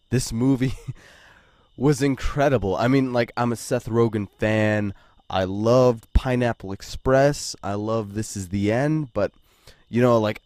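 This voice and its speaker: A man's voice: lowish voice, darkish tone, no room sound. A man giving a casual, rambling movie review, with plenty of swearing and "like" and "you know".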